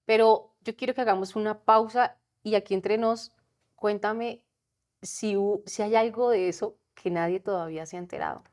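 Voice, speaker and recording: Gentle woman hosting an interview. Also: mid-range voice, fairly even intonation, normal speed. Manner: gentle, coaxing, asks openly. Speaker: podcast host.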